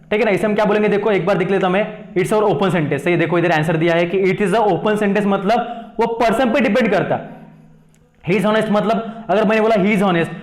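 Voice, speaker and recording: A man's voice: high-pitched, reverberant. A man with an Indian accent teaching a maths lesson, mixing Hindi and English and often asking students questions to check they follow. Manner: repeats questions to students, coaxing "thik hai na".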